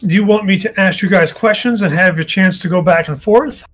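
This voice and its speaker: High-voiced joking male co-host. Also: fairly quick, music in the background. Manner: joking, self-deprecating. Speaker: co-host and moderator. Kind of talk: casual podcast chat.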